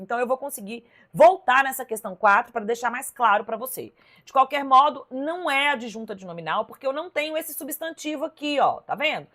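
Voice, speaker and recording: A Brazilian woman teaching a live online class, correcting exam questions in a lively, emphatic way and talking straight to her viewers. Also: a little high. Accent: Brazilian Portuguese. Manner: lively, emphatic, addresses viewers directly with "ó" and "tá vendo?". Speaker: Portuguese teacher.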